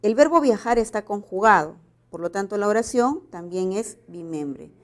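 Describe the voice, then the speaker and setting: Woman, Peruvian Spanish accent, exam-prep teacher, patient explanatory delivery, mid-pitched voice. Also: animated, normal speed. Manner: explanatory, checks in with "¿verdad?". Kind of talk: exam prep grammar lesson.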